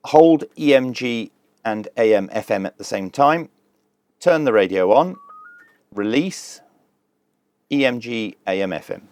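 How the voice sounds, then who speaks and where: A man with an average male pitch gives a casual product review, handling the kit as he goes. There is no room sound at all in the dry recording, and his explanations are plain and step by step, laced with dry humour.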